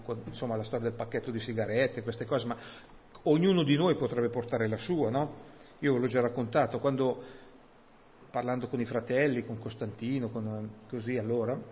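Man, informal sermon, conversational, reads scripture aloud, long hall reverb, dull sound. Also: medium pitch. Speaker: preacher.

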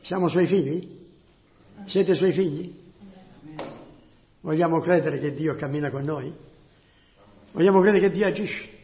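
A man's voice: fairly high pitch, unhurried, pauses often. A man preaching a sermon, often crying alleluia and putting questions to the congregation. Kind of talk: Pentecostal-style sermon. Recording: dull lo-fi church recording.

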